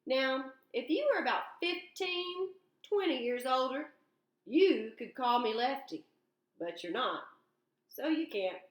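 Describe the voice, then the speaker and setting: A woman's voice: high voice, expressive, slow pace, echoey room, pitched above the performer's own voice. Woman doing a teasing grandfatherly man. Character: older male driver, kindly teasing man.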